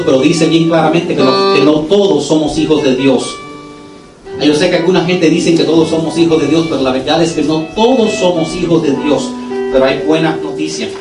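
A man preaching to his church, earnest and then animated as he tells a story, slipping English words into his sermon. His voice sits a bit high and sounds far from the mic. The hall is echoey and music plays clearly behind him. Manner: earnest preaching that turns lively when telling a story, tossing in English words. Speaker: pastor. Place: church sanctuary.

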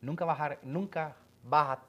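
A man preaching a sermon in a church, pausing often for an interpreter and repeating words as he goes. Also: on the high side, fairly even intonation, fairly bright tone.

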